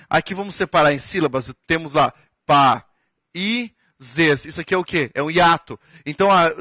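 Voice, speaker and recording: A man's voice: a little high, bright, forceful tone, no echo. A man with a Brazilian Portuguese accent giving a recorded grammar lesson for an exam, stretching out key words and checking in with "tá?". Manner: drawn-out emphatic words, frequent "tá?" check-ins, writing on a board. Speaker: exam prep teacher.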